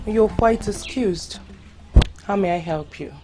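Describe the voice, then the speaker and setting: A woman's voice: mid-range voice, slow pace, loud music behind the voice, close to an everyday voice. An actress playing a proud, vengeful young village woman who speaks coldly and haughtily. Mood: haughty. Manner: cold, haughty and threatening.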